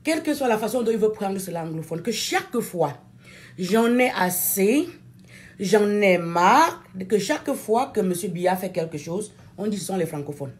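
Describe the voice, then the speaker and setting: Speaking French natively with a Cameroonian accent, this woman from Cameroon is an activist giving viewers an impassioned political address. Her mid-range voice is expressive, and she drives her points home deliberately and emphatically, repeating phrases for stress.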